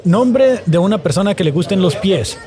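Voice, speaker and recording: A man with a Mexican accent hosting a street interview podcast, firing off quick playful questions. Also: high voice, animated. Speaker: podcast host. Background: crowd chatter.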